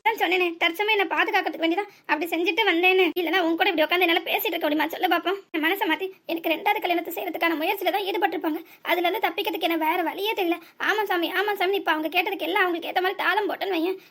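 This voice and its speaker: Cartoon husband, voiced by a woman: pleading and devoted, southern Tamil accent, very high and rapid. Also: steady tone, a bit bright. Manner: pleading, soothing. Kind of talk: cartoon voice acting.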